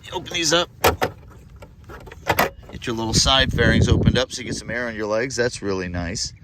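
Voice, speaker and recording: A man's voice: on the low side, fast talker. A man giving a casual, chatty motorcycle review while riding, tossing in joking asides. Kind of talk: casual ride-along review. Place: outdoors on a motorcycle, on the road. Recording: loud road and wind noise.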